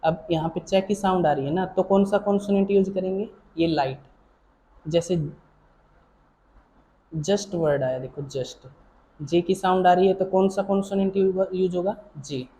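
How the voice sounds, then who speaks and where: A man's voice: sits high, moderate pace, pauses often, warm tone, slight background noise, low-quality recording. A man teaching a shorthand lesson. He explains patiently, repeats himself, keeps checking that students follow, and calls them child or dear. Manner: patient, repetitive, checks in with "theek hai na".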